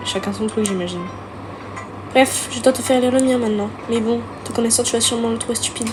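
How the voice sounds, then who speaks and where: A woman voicing a shy, bookish teenage girl who speaks quietly and hesitantly, with game music behind her. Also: fairly high pitch, steady tone, fast, background noise, natural voice. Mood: self-doubting. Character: shy, soft-spoken bookish teen girl. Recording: music playing underneath.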